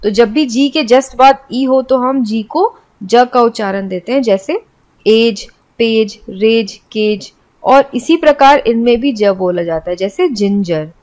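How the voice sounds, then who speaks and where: A woman's voice: on the high side, expressive, unhurried, few pauses, darkish tone. A woman teaching English pronunciation, explaining each rule step by step and spelling words out letter by letter. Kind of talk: classroom explanation.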